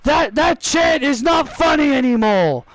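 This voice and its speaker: A man voicing a brash male wrestler who shouts boastful trash talk at a crowd in a video game promo. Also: very high voice, lively intonation, a little slow, dry recording, rough recording. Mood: taunting.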